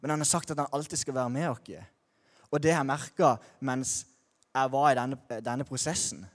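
Young man, mid-pitched, candid faith testimony, slangy and halting, long reverb. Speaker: speaker sharing a personal faith testimony. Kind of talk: personal testimony talk.

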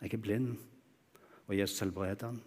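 Preacher man in a reverberant hall. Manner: expressive, swings from loud exclamations to hushed low tones. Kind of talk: sermon.

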